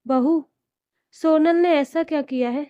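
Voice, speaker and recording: A doting, indulgent old grandmother, as a woman reads her, fondly protective. Her voice is high and slow with a mellow tone. This is a storybook reading. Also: muffled recording.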